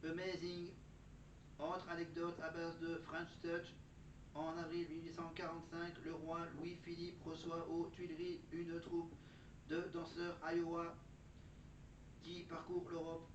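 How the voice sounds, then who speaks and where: A mechanical chatbot robot voice, put on by a man, reading facts in a dead-level tone with almost no rise or fall. His pitch sits a bit high for a man. The sound comes from a distance in an echoey space, dull and lo-fi with clear noise behind it. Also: completely flat delivery, a little slow, lightly acted. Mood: monotone. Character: flat monotone chatbot robot voice. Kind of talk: factual segment delivered as a robot.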